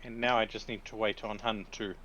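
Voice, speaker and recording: A man's voice: on the low side, little pitch movement, a little fast, a bit bright, muffled recording. A man streaming a video game with casual, conversational chat. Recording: clearly noisy background.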